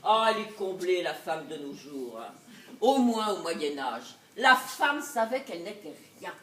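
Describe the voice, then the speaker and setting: An actress playing a scheming, vengeful jilted wife in a live stage comedy, laughing and swinging between loud outbursts and low asides. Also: female voice, sing-song, a little slow. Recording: echoey stage recorded from far off.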